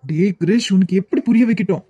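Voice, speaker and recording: A man's voice: high voice, quick pace, dark tone, breathy edge. A man voicing a distraught young man in a cartoon, pleading and stammering, with a Kanyakumari Tamil accent. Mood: desperate pleading. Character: distraught young man clinging to a lost love. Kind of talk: cartoon web series dubbing.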